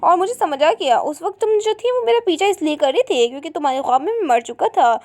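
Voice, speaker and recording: A woman reading the lines of a calm, detached young man in a storybook recap. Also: very high-pitched, fast talker, no echo, clean studio sound. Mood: cool. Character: young man, cool and unbothered.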